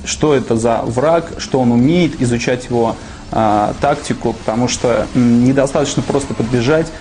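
A young man answering in an interview as a PR manager, in hesitant, measured phrases. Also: mid-range voice, a little mellow. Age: young adult. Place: dark studio.

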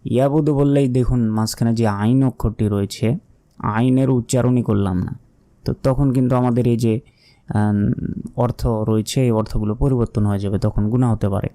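A man with a Bangladeshi Bengali accent teaching Quran pronunciation, explaining each sound step by step and reciting the words in slow, drawn-out chant. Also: mid-range voice, fairly even intonation, mellow.

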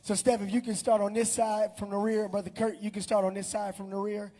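This is a middle-aged man, a pastor, brisk and high-pitched, leading prayer and announcements on a handheld mic. He shouts to the congregation with animation across a large church hall.

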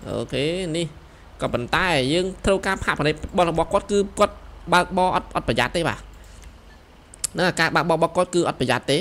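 A young man giving excited gameplay commentary, shouting quick directions as he plays. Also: on the high side. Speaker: gameplay streamer. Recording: voice over loud game sirens. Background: police sirens from the game.

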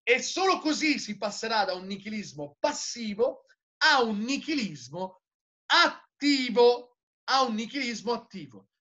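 A male philosophy teacher lecturing slowly and emphatically, repeating key phrases, on a dull lo-fi recording. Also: extremely high pitch, lively intonation, bright, forceful tone.

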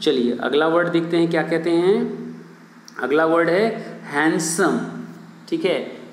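A man's voice: a little high, measured pace. A man teaching an online English pronunciation lesson, who addresses viewers as his children and friends, asks himself questions and repeats each answer. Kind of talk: online video lesson in Hindi. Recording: echoey room with long reverb.

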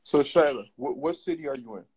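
A man chats with callers on a video call, throwing out crude jokes and teasing questions. His voice is husky and mid-pitched. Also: brisk, a little mellow. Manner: joking, teasing, crude banter. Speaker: host. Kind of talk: casual livestream call chat.

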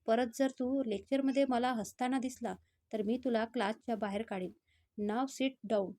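Strict young female lecturer, read by a woman storyteller, scolding, mellow tone. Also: on the high side, fairly even intonation, normal speed, lightly acted. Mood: stern scolding. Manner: scolding, sharp questions.

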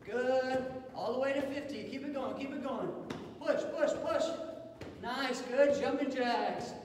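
A very high-pitched man drives a workout in the manner of an aerobics instructor, calling out short, repeated, energetic commands and counts. His delivery is slow-paced and deliberate. He is picked up from far off in a big, echoing gym hall. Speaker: martial arts instructor leading a class. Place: large indoor gym with padded floor. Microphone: camera several metres away. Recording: echoey hall, distant mic, faint noise.

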